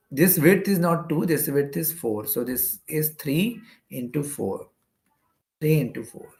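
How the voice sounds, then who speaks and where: In a roomy, echoing space, a physics teacher with an Indian accent and a gravelly voice explains exam-prep problems step by step. He speaks at medium pitch with a darkish tone, repeating phrases and checking with "okay."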